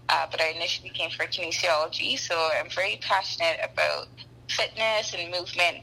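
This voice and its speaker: A young woman who grew up in Ghana, a podcast guest speaking thoughtfully with frequent pauses and restarts. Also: fairly low pitch, bright, forceful tone, poor audio. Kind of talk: conversational interview.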